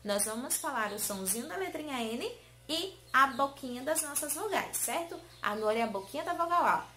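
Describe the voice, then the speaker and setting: A woman teacher giving a lesson to small children, in a sing-song way, stretching key words slowly and coaxing answers with questions. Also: high voice, expressive. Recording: roomy echo.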